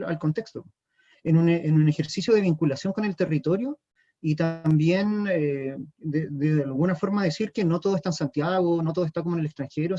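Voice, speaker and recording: A man with a Chilean accent, an interviewer asking questions in a deliberate, halting way over a video call. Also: a little high, mellow, lo-fi sound. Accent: Chilean Spanish.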